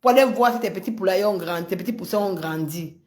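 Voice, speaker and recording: A woman from Cameroon, delivering a heated, confrontational livestream rant that swings between loud outbursts and low mutters. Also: fast. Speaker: social media personality.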